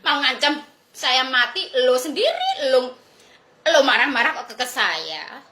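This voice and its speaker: High, bright-voiced woman ranting bluntly. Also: sing-song, unhurried, roomy sound. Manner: blunt, crude, confrontational. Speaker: vlogger. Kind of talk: ranting monologue to viewers.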